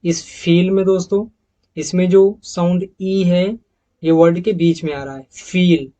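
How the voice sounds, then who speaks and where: A man teaching English pronunciation over slides, repeating each example word slowly and calling his viewers friends. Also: high-pitched, steady tone, mellow, highs cut off. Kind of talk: slide-based pronunciation lesson.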